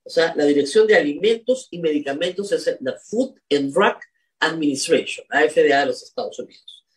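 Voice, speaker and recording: A commentator delivers indignant spoken commentary, pitch swinging widely as they press each point. The manner is scolding and emphatic, with points repeated for effect. The voice sits a little back from the microphone. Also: animated, moderate pace, distant mic. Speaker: political commentator.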